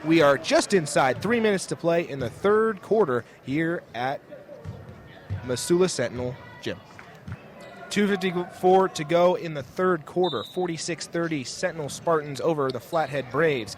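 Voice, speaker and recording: Inside a school sports gym, a young man calls a basketball game live on radio as the play-by-play announcer. His voice is on the high side at a normal speed. The gym is noisy courtside, with balls bouncing and ambient sound plainly heard.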